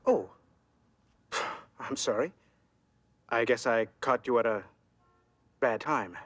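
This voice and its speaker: A man's voice: mid-range voice, takes it slowly, fairly bright tone, no echo. An actor playing a timid, devoted young man in a TV comedy sketch, earnest and apologetic. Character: meek, devoted young man courting a woman.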